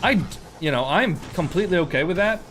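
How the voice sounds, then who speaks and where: Young man, game streamer, loose filler-heavy chat, a touch high-pitched. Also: lively intonation, fast, fairly bright tone, faint music behind. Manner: rambling, filler-heavy, indignant. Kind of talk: casual live-stream chat.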